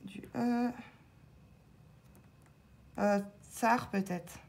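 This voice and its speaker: A woman's voice: mid-range voice, drawn-out words, gravelly, a little mellow. A woman vlogging as she scratches lottery tickets, chatting casually and calling out the letters as she goes. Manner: chatty, thinks aloud, spells out letters.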